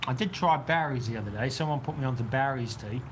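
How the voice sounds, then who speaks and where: Speaking fast in a mid-range voice, a New Zealand man chats casually on a livestream and rambles while reading out viewer comments. He's in an outdoor weather shelter on a golf course, and there's slight background noise.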